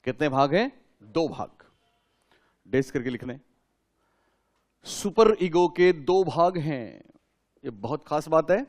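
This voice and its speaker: A man teaches a class in a fairly high voice. He keeps putting questions to his students and repeats each key term several times so they can write it down. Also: lively intonation, takes it slowly, pauses often, a little mellow. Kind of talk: classroom lecture.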